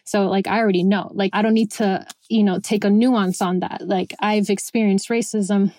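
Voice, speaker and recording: A woman's voice: mid-range voice, steady tone, normal speed, dark tone, no echo, clean studio sound. A young adult woman from Venezuela, raised in Miami, speaking reflectively as a bookstore founder and dropping Spanish words into her English. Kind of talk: personal interview testimony.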